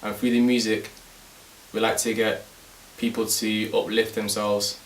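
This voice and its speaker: A man, a hip-hop artist speaking calmly and evenly in a documentary interview, recorded in an echoey room from a distance with faint hiss. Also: on the low side, measured pace. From Manchester, England.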